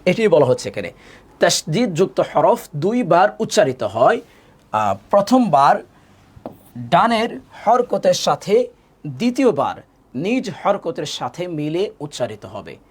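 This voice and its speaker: A man's voice: high voice, very animated, breathy edge. A man teaching a live online Quran class, patiently repeating each rule and asking his students questions that he answers himself. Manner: slows to spell out letters and vowel marks.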